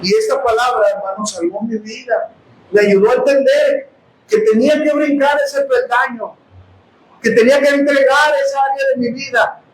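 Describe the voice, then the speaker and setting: A man with a Mexican accent preaching a sermon testimony, impassioned and often bursting into shouts as he addresses his brothers. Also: very high-pitched, fairly even intonation, moderate pace, echoey room, a little hiss or hum, low-quality recording. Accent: Mexican Spanish. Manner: impassioned, bursts into shouting, calls listeners "hermanos". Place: house of prayer.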